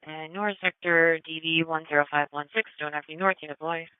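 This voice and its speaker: Man on police radio, dispatcher, clipped codes, fairly high voice, crisp, tinny narrow band. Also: fairly even intonation, fairly quick, dry recording. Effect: police radio transmission.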